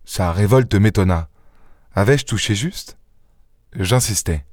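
An audiobook reader narrates a short story from a script, keeping his storytelling measured and even. His voice is on the low side, recorded dry with clean studio sound.

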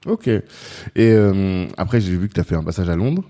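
Deep-voiced guy hosting a chill podcast, lots of mhms, warm dark tone. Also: lively intonation, normal speed. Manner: frequent short backchannels, laughs easily. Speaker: podcast host. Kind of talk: casual interview chat.

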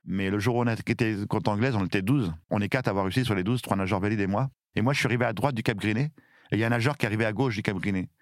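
A man in his fifties from France, telling his story in an interview with lively, emphatic delivery. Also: fairly low pitch, rapid-fire, no echo, studio quality. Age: 50s. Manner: lively, emphatic, acts out shouted quotes. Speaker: interview guest.

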